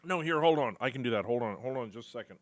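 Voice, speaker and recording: A man co-hosting a radio show, distracted and muttering to himself as he searches for something. He sits back from the microphone, so his voice comes through quieter, at an ordinary middle pitch. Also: lively intonation, rapid-fire, dry recording. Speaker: radio news desk co-host. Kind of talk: casual radio banter.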